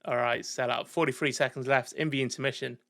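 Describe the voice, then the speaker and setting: A man casting an esports match on his own, calling plays excitedly, chatting and laughing between moments, his voice getting a little strained. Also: medium pitch, quick pace, gravelly. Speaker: esports caster. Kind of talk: solo play-by-play commentary.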